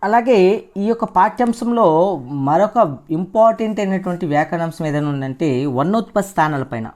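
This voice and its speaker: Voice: medium pitch, animated, moderate pace, a little mellow. A teacher giving an exam-prep lecture, repeating each term and quizzing the listener with frequent "right?" checks. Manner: drills terms by repeating them and quizzing the listener; tags points with "right?" checks.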